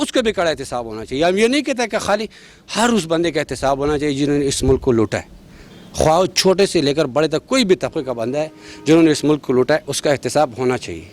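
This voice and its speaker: Fervent man speaking at a street interview. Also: a little high. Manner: passionate, emphatic, rising to loud peaks. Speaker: street interviewee, party worker. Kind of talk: street vox pop interview.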